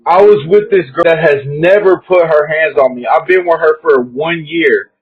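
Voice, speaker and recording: A husky young man from Kentucky calls in as a guest for an earnest, casual chat, his voice on the high side at normal speed. He's emphatic, repeats himself, and says "bro" often. The audio is tinny and phone-like.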